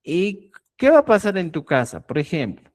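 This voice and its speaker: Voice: mid-range voice, big pitch swings, normal speed, darkish tone. A language teacher giving an online lesson, explaining with everyday examples and checking often that the class is following. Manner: keeps checking understanding with "¿ya?". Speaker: Quechua teacher.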